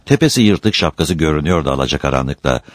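A man's voice: extremely low pitch, very animated, fast talker, dry recording, studio quality. A man narrating a novel chapter as an audiobook, telling the story expressively.

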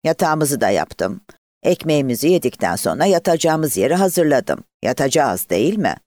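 A man voicing a tender young village husband and father, gentle and hushed. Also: fairly high pitch, very animated, normal speed, no echo. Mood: shy.

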